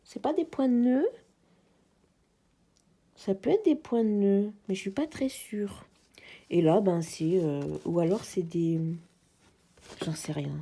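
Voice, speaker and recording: A woman with a French accent talks slowly through a casual craft unboxing. Her voice is mellow and a little husky. She hesitates often and speaks straight to her viewers. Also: mid-range voice, lively intonation. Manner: chatty, hesitant, addresses viewers directly. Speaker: craft vlogger.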